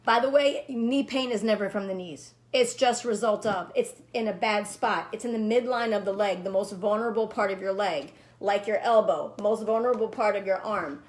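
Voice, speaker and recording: A woman's voice: mid-range voice, normal speed, few pauses. A woman running coach talking casually on a live stream, answering viewers by name and explaining her program with many restarts. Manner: chatty, restarts often, warm to named viewers.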